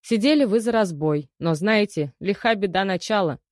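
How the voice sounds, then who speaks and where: A woman reads the part of a commanding female investigator interrogating a suspect, her voice raised and firm. Her mid-range, expressive delivery at normal speed is pitched a bit above her natural voice yet close to everyday speech, recorded clean in a studio with no room sound.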